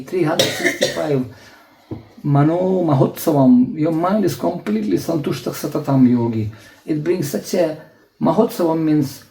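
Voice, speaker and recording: A male spiritual teacher, telling stories in a sermon with frequent laughter and animated acted-out voices. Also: fairly high pitch. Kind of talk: storytelling sermon. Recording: echoey lecture hall.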